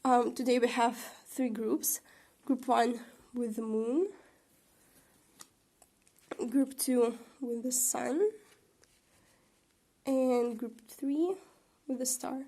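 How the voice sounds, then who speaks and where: A woman's voice: on the high side, fairly even intonation, very slow, long pauses, warm tone. A young woman hosting a casual tarot reading, rambling and chatty with lots of fillers, her voice a little shaky from a recent sore throat. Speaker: tarot reader and channel host.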